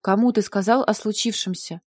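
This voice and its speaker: A woman's voice: mid-range voice, fairly quick, darkish tone, breathy edge, no echo, clean studio sound, natural voice. A woman voicing a brusque young woman in an audiobook, asking short, commanding questions. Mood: glum. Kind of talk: audiobook character voice.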